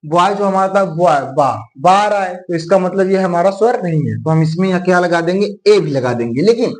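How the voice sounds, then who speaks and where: A young man with a notably high-pitched voice runs a basic grammar class in a relaxed explaining style. He asks a question, answers it himself, and punctuates nearly every point with a quick check-in. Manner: repeats "theek hai" and "dekhiye" often, asks and answers his own questions. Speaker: grammar teacher. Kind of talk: explaining a lesson.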